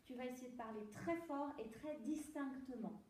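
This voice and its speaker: A woman with a high voice directs an audition with plain, practical notes. She sounds far from the microphone in a very echoey room, with faint room noise behind her. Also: normal speed. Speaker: casting director. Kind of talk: audition coaching.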